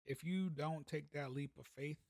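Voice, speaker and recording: A man's voice: on the high side, normal speed, vocal fry, darkish tone, dry recording. A man, telling a motivational story in a casual, slangy way as a podcast host. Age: 30s. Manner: laid-back, conversational, slangy.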